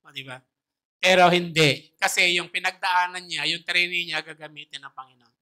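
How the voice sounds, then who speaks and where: Bright, lively woman preaching in church. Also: fairly low pitch, moderate pace. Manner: animated, chatty preaching with laughs and rhetorical questions. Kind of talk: sermon.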